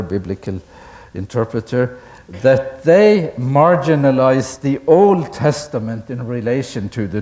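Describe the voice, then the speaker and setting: Man giving a deliberate academic lecture. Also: medium pitch, darkish tone. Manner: deliberate, asks the audience questions, chuckles at own asides.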